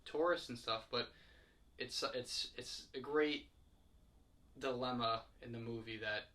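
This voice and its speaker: A man's voice: medium pitch, a little slow, pushed and bright. A young man co-hosting a podcast, chatting casually in a rambling, hesitant way with lots of fillers. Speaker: podcast co-host. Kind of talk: casual chat.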